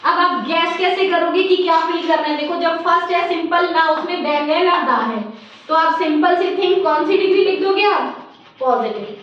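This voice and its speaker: A woman with an Indian English accent and a very high voice teaches a grammar class, answering her own questions as she goes. She sounds distant from the mic in a room with a lot of echo. The recording is dull and lo-fi, with faint noise underneath. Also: moderate pace. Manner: asks questions and answers them herself, calls listeners child. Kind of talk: classroom lesson.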